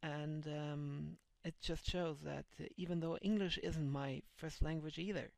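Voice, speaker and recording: Talking into a headset in a small, dim room, a German-accented man in his thirties chats on his video blog, full of fillers and false starts. He's a native German speaker who vlogs and translates comics. The dry recording captures a somewhat high, creaky voice that is a little slow and fairly even in intonation.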